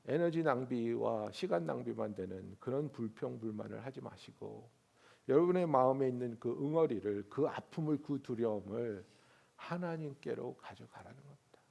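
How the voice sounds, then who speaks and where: A man preaching a sermon as pastor, swinging from hushed asides to loud pleading. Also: medium pitch, gravelly.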